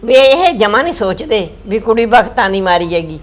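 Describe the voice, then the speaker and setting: A woman's voice: mid-range voice, sing-song, moderate pace. An older woman with a Punjabi accent playing a mother in a village family drama, complaining and lamenting.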